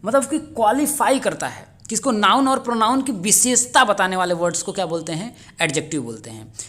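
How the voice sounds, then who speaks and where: A man's voice: high voice, lively intonation, fairly quick, a bit bright. A friendly male tutor talks his viewers through a test paper one question at a time. He answers each question and then asks it again, rhetorically, before he confirms the answer. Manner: keeps asking the answer back as a rhetorical question. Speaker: exam-prep teacher on a video channel. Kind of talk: explaining exam answers step by step.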